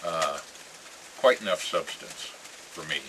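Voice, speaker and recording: A pipe-smoking American vlogger with a very low voice rambles casually to the camera, musing in a halting way with phrases that trail off. The recording is clear, with ambient noise and birdsong.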